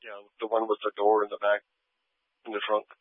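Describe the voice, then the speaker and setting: Walkie-talkie patrol officer: man, low and flat delivery, clipped radio-code talk, tinny band. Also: fairly quick, no room sound. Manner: clipped, uses radio codes. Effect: over a walkie-talkie. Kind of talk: terse police radio traffic.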